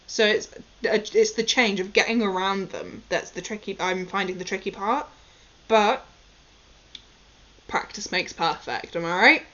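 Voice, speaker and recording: A woman's voice: mid-range voice, measured pace, a bit bright. A woman talking casually and informally to a recording as she works through articulation exercises, commenting on her own attempts. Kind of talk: casual self-recorded practice commentary with tongue twisters. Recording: dull, lo-fi sound.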